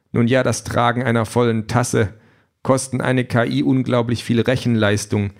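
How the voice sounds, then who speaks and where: Calm know-it-all android guy read by a man, slow and exact, audiobook. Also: medium pitch, lightly acted. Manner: measured, deliberate, matter-of-fact. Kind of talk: audiobook reading.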